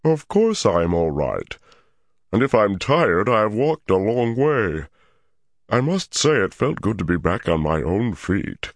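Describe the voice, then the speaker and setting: Man voicing a big rumbly Ogier, swoopy lively pitch, flustered and earnest, dry close audiobook read. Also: slow, dry recording, heavily acted. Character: huge gentle male Ogier, bookish and excitable. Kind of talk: audiobook character voice.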